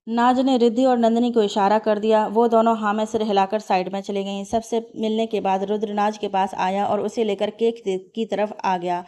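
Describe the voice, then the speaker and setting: A woman storyteller reading a family story aloud in a steady, even way. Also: mid-range voice. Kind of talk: read-aloud story narration.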